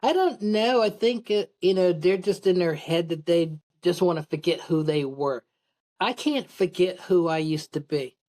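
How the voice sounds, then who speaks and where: A middle-aged woman, a podcast guest and public speaker, tells personal anecdotes in an interview in a candid, rambling, casual way. Her voice is lowish and darkish in tone, moving at a moderate pace.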